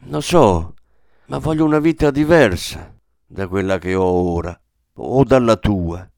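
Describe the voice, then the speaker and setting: A man's voice: on the low side, lively intonation, a little slow, creaky, a little mellow, no room sound, studio quality. A man reading the lines of a proud, idealistic young woman in a radio reading. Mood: firm.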